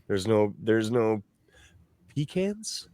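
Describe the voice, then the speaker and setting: A man's voice: lowish voice, very animated, slow pace, a little mellow. A man co-hosting a podcast in casual chat, laid-back and jokey with plenty of swearing, from the northern US. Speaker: podcast co-host.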